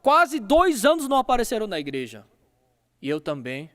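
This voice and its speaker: A man's voice: high-pitched, huge pitch swings, normal speed, fairly bright tone. A man preaching a sermon as pastor, telling a story and acting out phone calls, in a church hall. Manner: storytelling with acted phone dialogue.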